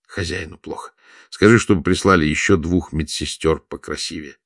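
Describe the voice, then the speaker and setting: Man voicing a brash soldier, drawling, deep, close and dry. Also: steady tone, normal speed, vocal fry, dry recording. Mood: lazy. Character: brash war-weary Soviet soldier, lazy then jubilant.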